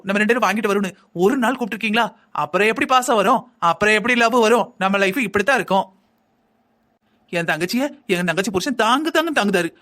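A man's voice: sits high, fairly bright tone. Nagging envious young wife, voiced by a man. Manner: nagging, whining, quick and insistent. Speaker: wife in a cartoon family drama. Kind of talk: Tamil cartoon voice acting.

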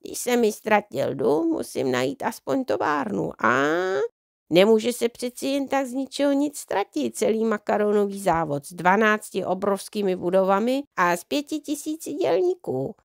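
A bewildered rich old man stammers and grumbles indignantly, voiced by a woman reading aloud. His voice sits higher than her own reading and keeps sputtering. The recording is dry and close. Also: sing-song, vocal fry, dry recording. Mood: grumbling.

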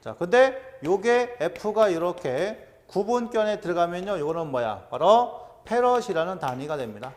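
A middle-aged man teaching an exam-prep lecture, drilling terms and quizzing his students with quick questions. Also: sits high. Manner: animated, drills terms with "자" and quiz-style questions. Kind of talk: classroom lecture.

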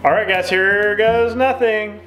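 A man's voice: sits high, fairly even intonation, unhurried, a bit bright, roomy sound, faint music behind. A man filming a fishing vlog, chatting and joking easygoing banter while tasting food. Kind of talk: casual vlog chat.

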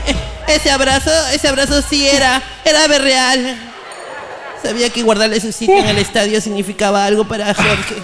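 A man's voice: extremely high pitch, level tone, normal speed, sharp tone, shouting, faint music behind, pitched above the performer's own voice. A man voicing a clingy, lovesick male football-fan friend in a theatrical, sappy tone.

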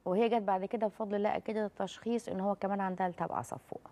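She is a doctor in her thirties with an Egyptian Arabic accent, appearing on a TV talk show in the studio and reassuring callers at a rapid pace, calling each one "dear." Her mid-range voice is steady and dark in tone.

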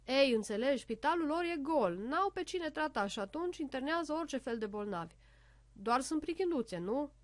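A fussy little storybook doctor stuck as a patient, complaining and confiding about his treatment in a high voice, as a woman reads his part. The sound is close and dry. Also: animated, dry recording.

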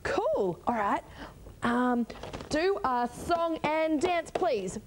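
A woman's voice: high-pitched, big pitch swings, very slow, noisy background. A woman presenting a children's TV show, asking encouraging, playful questions. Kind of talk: interviewing a child. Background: music.

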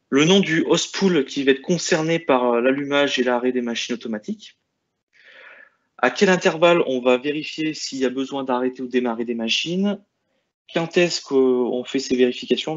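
A man talks through a technical configuration as he clicks along, pausing often with fillers and restarting phrases. His voice sits at an ordinary middle pitch. The mic sounds slightly dull and lo-fi. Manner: hesitant, many "euh" and restarts while clicking through settings. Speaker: IT presenter. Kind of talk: screen-share tech walkthrough.

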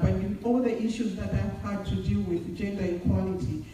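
A Zambian woman speaks on a panel at a women's forum in a large hotel function room, measured and hesitant with many fillers. Her mid-range voice has a dark tone. The recording, made on a phone camera far back in the audience, sounds echoey and distant, with a little hiss or hum.

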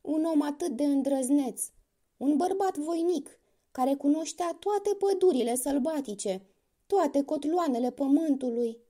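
A woman's voice: high-pitched, dark tone, voice pushed up, lightly acted. A woman voicing a sly male crocodile who wails theatrically with fake remorse, in a children's story. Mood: lamenting. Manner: wailing, theatrical lament.

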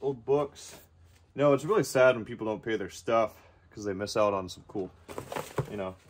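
A reseller vlogger with a lowish voice mutters casual commentary to himself at a moderate pace while digging through boxes in a cluttered storage locker. Background noise can be heard.

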